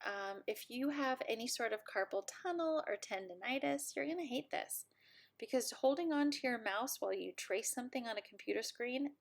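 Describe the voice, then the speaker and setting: A woman teaching a software tutorial over a screen recording, talking in a casual, self-deprecating and encouraging way. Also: on the high side, vocal fry.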